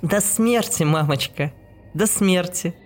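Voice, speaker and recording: Guy voicing a creepy teen ghost girl, higher, loud, draws words out slow. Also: soft background music. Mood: gleeful menace. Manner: slow eerie sing-song, squealing with glee. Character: sinister ghostly teenage girl, gleeful and cruel.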